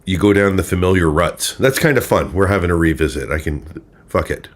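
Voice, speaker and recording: A man with a low voice hosts a true crime livestream, speaking briskly and with animation. He rambles in a wry, sarcastic way while drinking a little, offering casual live commentary.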